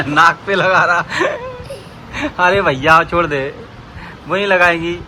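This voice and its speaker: High-voiced playful man, noisy home vlog. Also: steady tone, slow, pushed and bright. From Bundelkhand, India. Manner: playful, teasing, chatty with small children. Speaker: vlog host. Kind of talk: casual family vlog chat.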